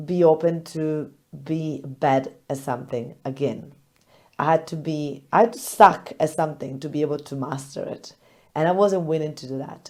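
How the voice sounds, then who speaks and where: Her voice still hoarse and crackly as it comes back, a woman who hosts a business podcast chats alone with her audience in a low voice. She tells stories with animation, laughs frequently, and keeps things chatty and expressive.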